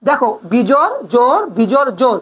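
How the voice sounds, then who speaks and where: A woman teacher explains a grammar rule in a high, bright voice. She talks fast and keeps asking the class questions, then answers them herself. She repeats each rule several times so it sticks. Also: animated. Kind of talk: classroom lesson on pronunciation.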